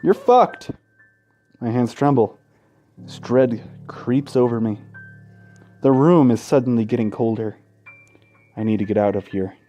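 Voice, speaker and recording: A man with a mid-range voice reads out a horror game theatrically while hosting a let's play, speaking a little slowly, pausing often, and sounding dark. He keeps cutting in with crude, cursing, mocking remarks over the game's background music.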